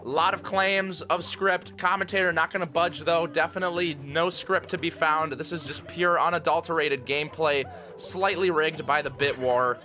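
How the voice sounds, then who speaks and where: A man's voice: on the high side, fairly even intonation, moderate pace, hardly any pauses, pushed and bright, slight background noise. A young man doing casual, jokey play-by-play commentary on a video game race. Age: young adult.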